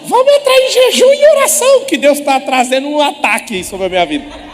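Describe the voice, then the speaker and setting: A frantic young believer. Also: male voice, big pitch swings, fairly quick, noisy background. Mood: panicked mock. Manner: shrill, mocking, over-the-top. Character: panicky young man pleading with his pastor.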